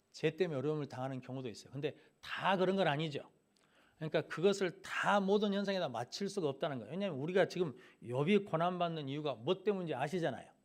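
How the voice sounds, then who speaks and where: A middle-aged man preaches a midweek sermon at his church, pitched at an ordinary height for a man. He keeps asking the congregation questions and then answering them himself. He also acts out the lines of Bible characters in plain, everyday speech. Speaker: pastor. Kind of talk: Wednesday evening sermon.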